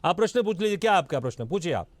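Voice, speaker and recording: Quick high-voiced anchor guy keeping a rowdy debate in line, dry audio. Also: dry recording. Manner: brisk, repeats phrases to calm guests. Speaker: news anchor moderating a debate. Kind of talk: moderating a political debate.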